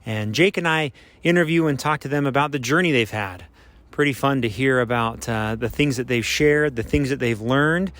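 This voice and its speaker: A man hosting a podcast, giving an upbeat, brisk introduction and team announcements with frequent fillers. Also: medium pitch, fairly bright tone. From Utah. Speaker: podcast host.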